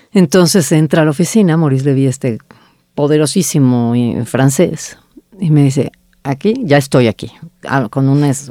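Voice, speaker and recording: A middle-aged woman recounts her business story in a lively way, quoting herself and others. Her voice is warm and mellow, and the recording sounds dry and close. She speaks as a guest in a conversational interview. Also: a bass voice, no room sound. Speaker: agency founder, guest.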